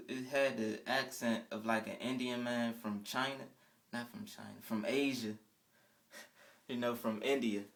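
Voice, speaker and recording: A man's voice: medium pitch, vocal fry. A young man casually telling a rambling first-person account in a vlog, with restarts and trailing off. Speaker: vlogger.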